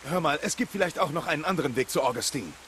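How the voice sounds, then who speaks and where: A man's voice: fairly high pitch, animated, very fast, fairly bright tone. An actor playing a worried, protective policeman in a video game, earnest and exasperated. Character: worried, protective policeman, reasoning with reckless younger man. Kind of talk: German video game voice acting.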